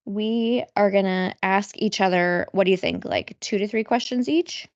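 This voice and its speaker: A woman's voice: mid-range voice, normal speed, no echo, lo-fi sound. A married woman co-hosting a podcast, chatting casually, laughing often and acting out her own reactions. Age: adult, married. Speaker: podcast co-host. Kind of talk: casual chat.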